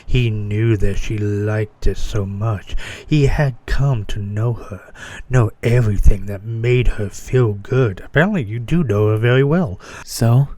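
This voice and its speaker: A man's voice: on the low side, dark tone. A man giving an amateur dramatic reading of fan fiction, with amused asides. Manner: breaks character with amused asides.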